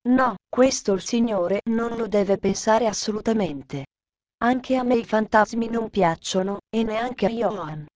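A woman's voice: a little high, measured pace, a little mellow, no room sound, close to an everyday voice. A woman voicing an earnest, frightened young male servant in a storybook reading.

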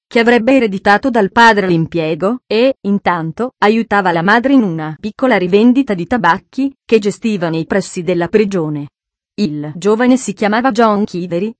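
A woman reading a classic novel aloud as narrator, in a measured, steady storytelling manner. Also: medium pitch, dry recording.

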